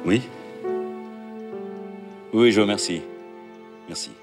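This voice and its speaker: An actor playing a middle-aged French president who barks curt orders in a period TV drama. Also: male voice, lowish voice, over music. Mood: brusque. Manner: gives brisk orders, gruff. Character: older male president, commanding, curt, under strain. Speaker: President of the Republic.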